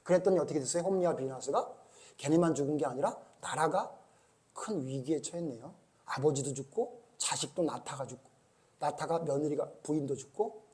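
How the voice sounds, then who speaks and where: A man preaching from the pulpit in a strikingly high voice. He keeps putting questions to the congregation and presses them hard in a scolding tone. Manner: rhetorical questions to the congregation, rising to forceful rebuke. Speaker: pastor. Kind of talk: sermon.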